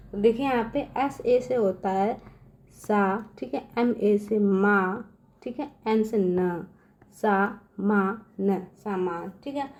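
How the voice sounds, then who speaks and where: A young woman with a fairly high voice teaches children how to spell, speaking slowly and patiently. She checks in with them after nearly every line and repeats each step. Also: mellow. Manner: repeats "theek hai" constantly, patient and drawn-out; addresses viewers as children.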